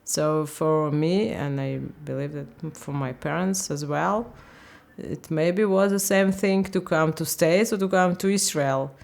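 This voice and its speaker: Slow, gravelly woman. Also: low-pitched, darkish tone. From Ukraine. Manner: halting, searching for English words. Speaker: interviewee, language teacher. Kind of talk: candid personal interview.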